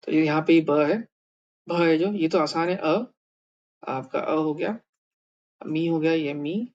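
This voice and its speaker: A man explains a lesson in a loose, unscripted way. He pauses, repeats words and fills gaps with hesitant sounds as he works things out aloud. The audio is a little dull and lo-fi. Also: fairly high pitch, a little mellow. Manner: thinking aloud, many fillers and repeats. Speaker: language teacher. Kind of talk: casual screen lesson.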